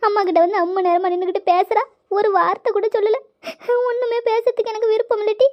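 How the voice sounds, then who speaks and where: A touchy, aggrieved sister-in-law from a cartoon, voiced by a woman, rattles off her complaints in a quick, high voice. She sounds wounded and indignant. The audio is dull and lo-fi. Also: close to an everyday voice. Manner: complaining, hurt and scolding. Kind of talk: cartoon voice acting.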